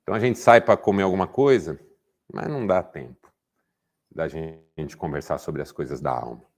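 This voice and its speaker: A man's voice: extremely low pitch, normal speed. A man giving a motivational talk to a men's group, asking rhetorical questions and acting out little dialogues. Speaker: speaker at a men's group, therapist.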